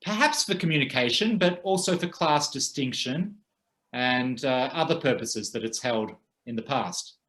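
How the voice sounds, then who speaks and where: Male co-host, measured and halting delivery, roomy sound. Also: mid-range voice, fairly bright tone. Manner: thoughtful, hesitant with frequent "uh" pauses. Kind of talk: casual conversational chat. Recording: roomy echo.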